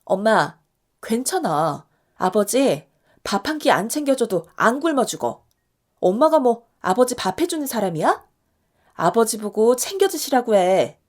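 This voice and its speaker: A woman voicing an adult daughter who loudly and passionately stands up for her mother in a radio story drama. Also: mid-range voice, animated, slow. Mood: indignant. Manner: loud, impassioned pleading. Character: indignant, protective adult daughter.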